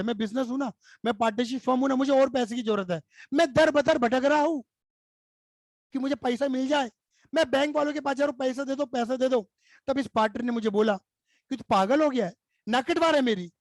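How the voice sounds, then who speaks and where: A man's voice: extremely high pitch, dry recording. A man teaching accountancy in Hindi-accented speech, explaining playfully and acting out little skits and chants for students. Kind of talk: energetic classroom explanation.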